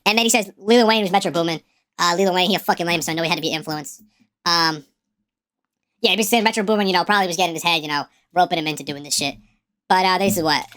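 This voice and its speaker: A woman's voice: on the low side, fast talker, a bit bright. A woman giving casual reaction commentary on songs, slangy and profane, often repeating words as she stumbles. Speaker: music reaction streamer. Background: faint song playing.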